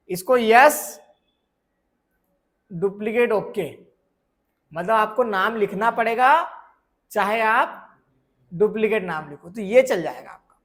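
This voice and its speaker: A man teaching a software course, explaining with everyday examples and often asking whether students have understood. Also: extremely high pitch. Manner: keeps checking if students follow; asks rhetorical questions and answers them. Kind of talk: screen tutorial lesson.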